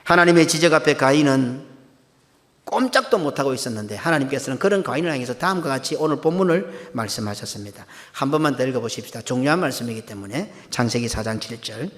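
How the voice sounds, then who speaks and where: A man's voice: medium pitch, expressive, fast, fairly bright tone. A middle-aged male senior pastor, preaching a sermon with emphatic rhetorical questions to the congregation. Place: church sanctuary. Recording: long church hall reverb.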